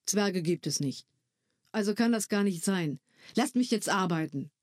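A woman's voice: mid-range voice, lively intonation, normal speed, darkish tone, no echo, studio quality, natural voice. A woman reading a story aloud, voicing a grumpy, busy father who scolds curtly. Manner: gruff, scolding, curt.

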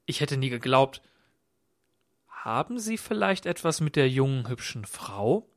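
A man's voice: mid-range voice, big pitch swings, measured pace. A man voicing a puzzled host who keeps asking startled questions. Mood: astonished. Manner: astonished, fussing questions. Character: puzzled, concerned male host Michael.

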